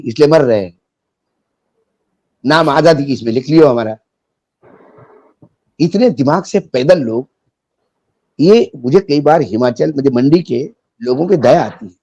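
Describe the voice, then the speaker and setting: A man's voice: mid-range voice, warm tone, no echo. A man discussing politics as a guest, biting and sarcastic, mixing in jokes and anecdotes.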